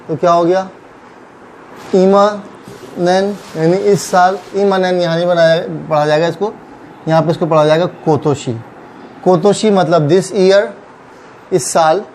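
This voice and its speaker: Slow, patient male language teacher. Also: high-pitched, fairly even intonation, a little mellow, slight background noise, poor audio. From Pakistan. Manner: slow, patient, repeats words, checks in with "theek hai". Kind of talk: classroom kanji lesson.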